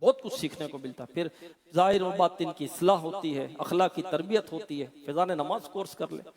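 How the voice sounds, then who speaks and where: A man's voice: fairly high pitch, brisk, crowd noise. A man preaching a sermon to a gathering, fervent and rousing, breaking into chanted devotional verses. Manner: fervent, swings into chanted singing. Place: large hall.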